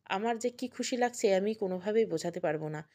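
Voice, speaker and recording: A woman storyteller narrating an emotional family story in a steady voice. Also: medium pitch, a little fast.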